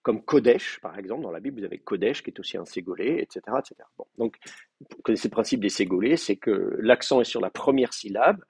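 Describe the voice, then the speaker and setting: Man, lecturer, husky voice, dry close sound, hesitant, patient explaining. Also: on the low side, animated, quick pace, darkish tone, dry recording. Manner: thinking aloud with many hesitations; explains terms patiently, writing them out for the class. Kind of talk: university lecture. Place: classroom.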